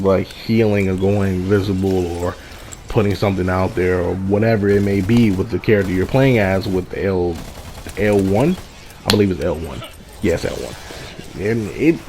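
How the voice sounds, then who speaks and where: A man's voice: mid-range voice, darkish tone. A man giving a casual first-impressions game review, repeating and rephrasing himself for emphasis. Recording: background noise behind the voice.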